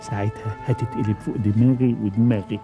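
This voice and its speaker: A lowish male voice, quick and cutting: a scheming man in a TV drama, as an actor plays him, laying out his threats with music running under him. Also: steady tone, close to an everyday voice. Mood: menacing. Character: cold scheming man confronting a woman. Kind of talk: TV drama acting.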